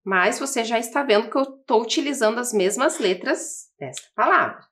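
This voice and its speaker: A Brazilian woman teaching a lesson for children, spelling and counting out letters slowly and asking the viewers questions. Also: fairly high pitch, lively intonation, a bit bright. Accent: Brazilian Portuguese. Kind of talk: slow, patient classroom lesson for children. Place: classroom-style studio with a table.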